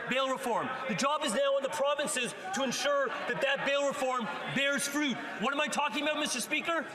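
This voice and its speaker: A man delivering a forceful, rhetorical parliamentary rebuttal as a government minister. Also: extremely high pitch. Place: large indoor legislative chamber. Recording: echoey chamber with crowd noise.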